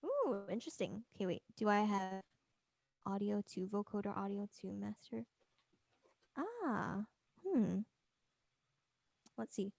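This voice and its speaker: A woman presents a music production workshop as an informal software demo, chatting and thinking aloud while she works. Her medium-pitched voice is sing-song, slow and creaky, with long pauses, in a dry recording.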